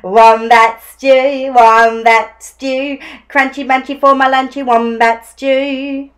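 Woman playing a gleeful, high-pitched, scheming dingo. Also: expressive, takes it slowly. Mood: gleeful singing. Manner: exuberant, sing-song, exclaiming. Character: gleeful boastful scheming male dingo, storybook villain.

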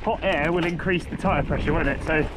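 A man's voice: fairly high pitch, fairly quick. A man filming himself on a mountain bike outdoors, explaining his bike settings as he rides, and getting out of breath. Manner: talks while riding, explaining bike settings. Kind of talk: casual commentary while riding. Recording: loud wind noise on the mic. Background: loud wind.

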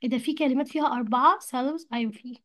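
A woman teacher with an Egyptian Arabic accent, explaining English words to young pupils in colloquial Arabic and repeating each English word slowly. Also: sits high, a bit bright. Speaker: primary school English teacher. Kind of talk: Arabic-language lesson explaining English vocabulary.

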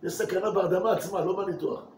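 High-voiced rabbi in an echoey synagogue. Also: male voice, slight background noise. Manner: animated, rhetorical questions, repeats words. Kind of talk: Torah class to a congregation. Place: synagogue hall. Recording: echoey room from a distance.

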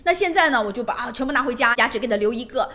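A lifestyle vlogger talks to camera at her home about decluttering in a casual monologue. Her fairly high, slightly bright voice races along with lively intonation. She's emphatic, repeats phrases and often asks rhetorical questions.

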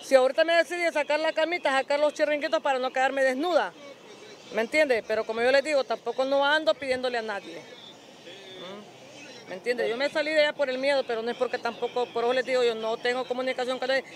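A woman's voice: high-pitched, quick pace. A woman in her thirties with a Honduran accent, speaking insistently to a reporter under a tarp shelter. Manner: insistent, pleading. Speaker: interviewee. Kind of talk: emotional street interview. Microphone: handheld mic.

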